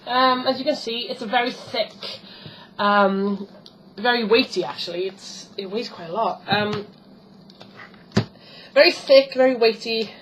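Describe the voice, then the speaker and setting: A woman's voice: on the high side, unhurried, pauses often, a little hiss or hum, poor audio. A woman chatting casually as she unboxes a tarot book, rambling with many ums and self-corrections. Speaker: tarot vlogger.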